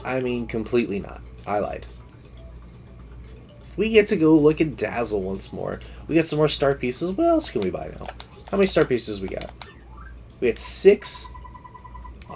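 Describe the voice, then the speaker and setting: Male livestreamer, medium pitch, loose think-aloud gameplay commentary, noisy backdrop. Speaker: video game livestreamer.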